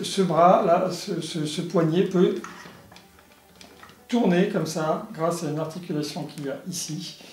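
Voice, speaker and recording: A man presents a product in a casual, halting, explanatory way, as in a hands-on toy review. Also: fairly high pitch, a little mellow, a little hiss or hum. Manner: halting, explanatory, punctuated with little sound effects. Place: indoor room. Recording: echoey room, faint music behind.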